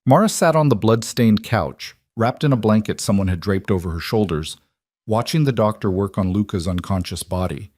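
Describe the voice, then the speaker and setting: A man giving scripted, measured narration of a dramatic story. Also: on the low side, animated, darkish tone, dry recording, studio quality.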